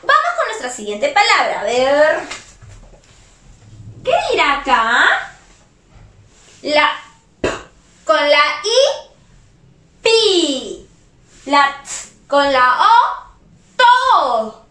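A young woman teacher leads a reading lesson for small children. Her voice is very high and bright, lilting up and down in an exaggerated sing-song, and she draws every word out very slowly. The sound is roomy and echoey. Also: huge pitch swings. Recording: roomy echo.

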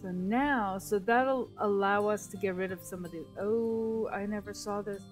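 A gameplay streamer commentates casually on her own play while losing her voice, thinking aloud and restarting often as she talks to herself. Her voice is mid-range and unhurried, with faint music behind it and poor audio.

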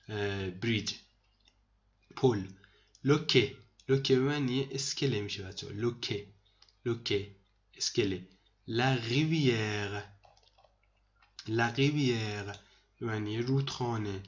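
A man teaching vocabulary to students in a screen lesson, repeating each word slowly and explaining it. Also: medium pitch, muffled recording. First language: Persian. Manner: repeats words slowly, addresses students as kids. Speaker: language teacher.

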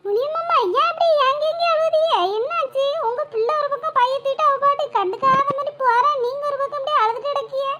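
A woman's voice: extremely high pitch, fast talker, hardly any pauses, very noisy. A woman voicing a nosy, scheming young village woman, prying and gossipy. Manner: prying, gossipy, mock-soothing.

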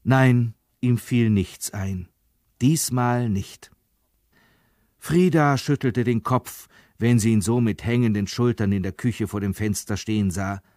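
A man reading a literary story aloud in a measured, storytelling manner. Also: lowish voice, darkish tone, dry recording, clean studio sound. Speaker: narrator.

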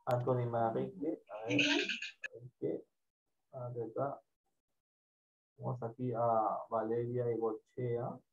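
A male teacher running an online class for children, patient and repetitive, often trailing off into quiet mumbling, with a Peruvian Spanish accent. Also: medium pitch, level tone, takes it slowly, creaky, long pauses. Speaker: primary school teacher. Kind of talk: online class, casual instructions. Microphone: computer mic on video call. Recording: dull lo-fi call audio.

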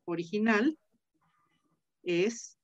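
A woman's voice: medium pitch, drawn-out words, dull audio. A woman teacher giving an online class, explaining step by step, repeating key points and checking in with her students.

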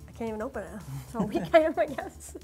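A woman co-hosts a relaxed unboxing chat with a fairly high voice. She giggles often and teases as she talks. Soft music plays underneath. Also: brisk. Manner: giggly, teasing. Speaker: co-host.

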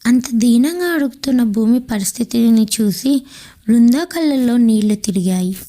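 Mellow woman narrating an audio story. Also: a little high, lively intonation, normal speed.

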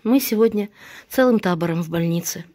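Ill with bronchitis, a middle-aged woman who rescues animals makes a casual appeal to viewers on a phone video shot indoors in a veterinary clinic and a home room. Her lowish voice is a little fast and a little mellow, earnest with the audience and tender with sick puppies.

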